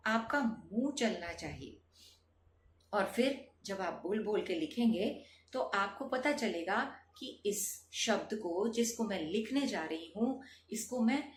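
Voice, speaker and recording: A woman's voice: mid-range voice, reverberant, a little hiss or hum. A woman teaching a Hindi lesson to students, calling them children and asking rhetorical questions.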